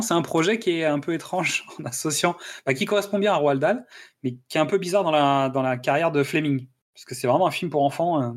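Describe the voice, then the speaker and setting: Hesitant man hosting a film podcast. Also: on the high side. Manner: hesitant, many "euh" and restarts. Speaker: podcast host. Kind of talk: casual film-review podcast chat.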